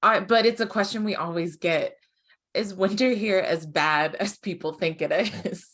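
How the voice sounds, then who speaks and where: A woman's voice: medium pitch, normal speed, a bit bright. A woman hosting a casual panel chat, asking playful, teasing questions. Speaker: host, interviewer.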